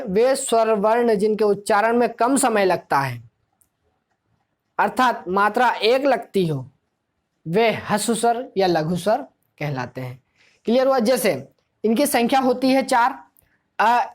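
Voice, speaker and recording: A woman teacher gives an exam-prep grammar lesson in a fairly high voice. She drills the material by asking a question, answering it herself and going over each point again. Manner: asks the class questions and answers them, repeats key points; explanatory, drilling tone.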